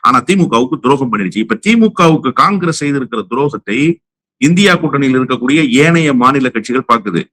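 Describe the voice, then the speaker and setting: Tamil-accented male pundit, combative, rhetorical barrage, bright forceful voice, dry close sound. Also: medium pitch, animated, a little fast, no echo. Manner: combative, fires rhetorical questions. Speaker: political commentator guest. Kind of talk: heated political commentary.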